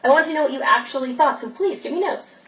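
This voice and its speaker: A rambling, self-absorbed young writer, hedging every point with little fillers. Her voice sits a touch high and comes from a distance on a dull TV soundtrack. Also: lively intonation, fast, a bit bright. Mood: defensive, earnest. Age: young adult. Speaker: aspiring writer girlfriend.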